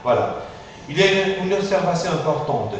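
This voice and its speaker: A male phonetics teacher giving a classroom pronunciation lesson, patient and drilling sounds slowly with many repetitions. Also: a little high, expressive. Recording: echoey room, far from mic, faint hiss.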